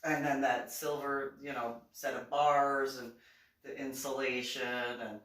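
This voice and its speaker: A woman veteran tells a personal story in a casual, animated monologue, chuckling often and acting out the voices of other people in it. She has a bass voice and a measured pace, recorded off-mic from a distance in an echoey room.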